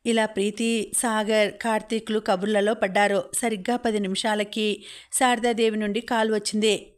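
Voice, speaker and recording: A woman's voice: mid-range voice, flat delivery, normal speed. Woman narrating a Telugu audiobook. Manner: reads all characters' lines in a lightly varied voice. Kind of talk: storytelling narration with voiced dialogue.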